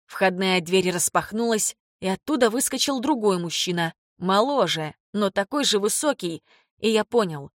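A woman reading first-person audiobook narration in a steady, measured way. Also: mid-range voice, no room sound, clean studio sound. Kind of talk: scripted narration.

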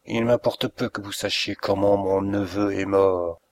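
A man's voice: low-pitched, steady tone, dry recording. A man reading a gloating, sneering villain. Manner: mocking, taunting, slow and deliberate. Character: cruel sneering male planter, middle-aged, gloating. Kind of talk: audiobook reading.

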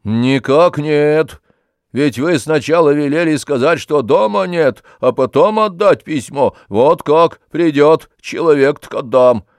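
Casting: male narrator as a stubborn old manservant, unhurried and gruff, forceful delivery. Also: fairly high pitch, dry recording, voice pushed up. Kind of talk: audiobook reading.

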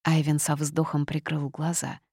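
A woman reading a first-person story as a young witch, in a lively, teasing telling. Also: sits low, moderate pace, husky, no room sound, studio quality. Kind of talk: audiobook reading.

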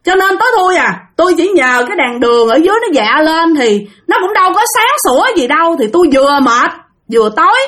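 A woman's voice: a little high, animated, fast talker, lightly acted. A woman voicing a young woman protesting her innocence in exasperation. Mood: indignant, protesting. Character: indignant young woman wrongly accused.

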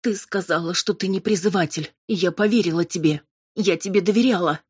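An angry, betrayed young woman in an audiobook, as a woman narrator voices her, speaking up sharply and accusingly. The tone is husky and the recording dry. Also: fairly low pitch, a little fast, a little mellow, dry recording.

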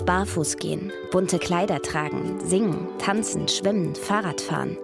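A woman reading a documentary voice-over in calm, even studio narration. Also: fairly low pitch, measured pace, vocal fry, over loud music. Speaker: voice-over translator.

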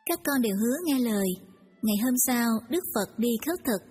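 A woman narrates the tale in a steady, somewhat husky voice that sits a little high. The recording sounds like it was made in a long-echoing hall. Soft music plays underneath. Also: a little fast. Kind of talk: storytelling narration. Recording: reverberant hall, music behind.

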